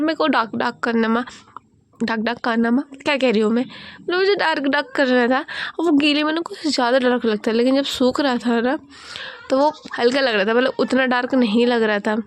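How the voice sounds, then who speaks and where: A woman's voice: a little high, no echo. A young woman chatting casually in a vlog voice-over, giggly and repeating words as she talks. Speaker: vlogger.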